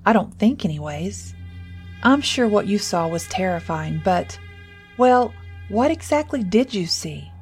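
A woman's voice: medium pitch, lively intonation, unhurried, faint music behind. A woman doing a worried farm mother. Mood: soothing. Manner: soothing, reassuring.

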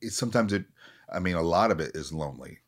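A man's voice: sits low, lively intonation, fast. A man in his late forties, an actor talking candidly and reflectively in a conversation, often restarting his sentences. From Minneapolis area. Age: 40s. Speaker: actor, guest.

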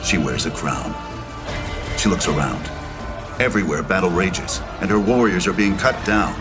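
A man reading screenplay stage directions as narrator in a measured, dramatic manner. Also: low-pitched, animated. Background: music.

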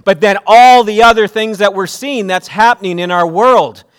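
A man preaching from a pulpit microphone in a church sanctuary, his voice sitting a bit high for a man. He is earnest and often restarts his phrases. He builds toward emphatic preaching. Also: moderate pace, fairly bright tone, clear, resonant tone. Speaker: pastor. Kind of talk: sermon.

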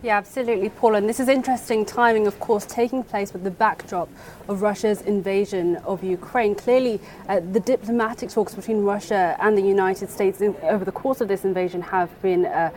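A woman correspondent reporting news in a measured, explanatory manner. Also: mid-range voice, fairly even intonation, darkish tone, slight background noise.

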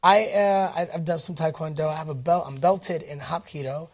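A man's voice: fairly high pitch, normal speed. Upbeat man from Detroit telling stories. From Detroit, United States. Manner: animated, upbeat, with many fillers and restarts. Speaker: interview guest, actor. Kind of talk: casual interview storytelling.

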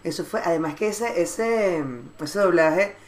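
A woman from Venezuela with a Venezuelan accent, a guest actress telling lively anecdotes in casual chat and acting out the people she quotes. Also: on the low side, a little slow. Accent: Venezuelan Spanish. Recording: echoey room.

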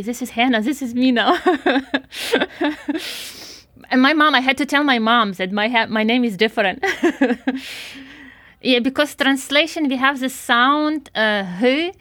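Bright-pitched woman professor, conversational. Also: no room sound, clean studio sound. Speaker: physics professor and researcher. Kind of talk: casual interview talk.

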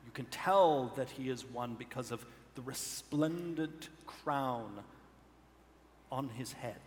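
A man narrating a tabletop game as game master on a live stage, with slow, deliberate storytelling. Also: mid-range voice. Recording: live hall reverb, faint noise.

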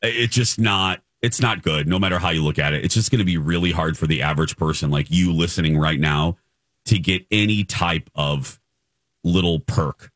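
A man's voice: low-pitched, normal speed, a bit bright, no room sound, studio quality. A man hosting a morning radio show, chatty and emphatic, repeating phrases for effect. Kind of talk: radio talk, chatty commentary and teases. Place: dry radio studio.

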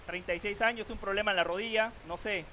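Very high-voiced man analyzing football. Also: steady tone, pushed and bright, a little hiss or hum, low-quality recording. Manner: formal, measured analysis. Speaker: sports show panelist. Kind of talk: sports talk panel discussion.

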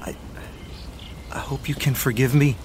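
A man playing a lonely, bitter outcast in an audio drama, emotional and halting as he pleads. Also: medium pitch, fairly even intonation, darkish tone, a little hiss or hum, natural voice. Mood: guilty. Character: lonely, bitter male outcast betraying his old friend.

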